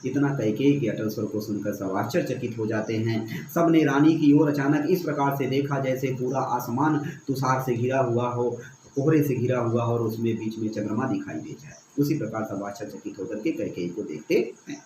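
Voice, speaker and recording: A man's voice: mid-range voice, moderate pace, darkish tone, echoey room, slight background noise, rough recording. A male teacher reading lines of a Hindi poem aloud and explaining each one, repeating phrases as he goes. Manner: reads verse lines then paraphrases them, repeating phrases.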